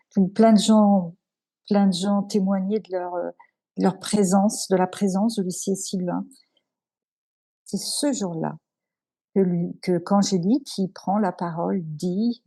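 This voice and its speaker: A woman with a mid-range, dark-toned voice gives an earnest, emotional personal testimony as an interview guest. She speaks haltingly, with many pauses and restarts.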